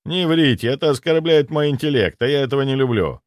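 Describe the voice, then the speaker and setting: A man voicing a cold, sardonic male necromancer who speaks in a measured, mocking way. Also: medium pitch, lively intonation, no room sound, studio quality, pitched above the performer's own voice, close to an everyday voice.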